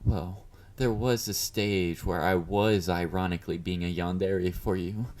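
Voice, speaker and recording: A man with a deep, darkish voice, steady tone and measured pace plays a confident, obsessive, flirty yandere fan in an intimate audio roleplay. Speaking to his beloved, he is teasing, smug and mock-considerate, murmuring endearments.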